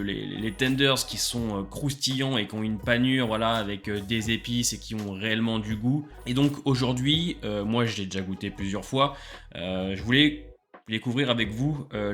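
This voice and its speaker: A man's voice: fairly low pitch, fairly bright tone. A young man hosting a casual food review vlog, enthusiastic and full of hesitant fillers. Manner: enthusiastic, many filler "euh"s. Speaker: food vlogger.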